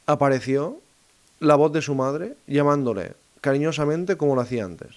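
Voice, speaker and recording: A man talks in a casual monologue, speaking straight to his listeners and often pausing and restarting his phrases as he thinks aloud. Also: fairly high pitch, lively intonation. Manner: addresses listeners directly. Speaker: host of a segment on psychophony.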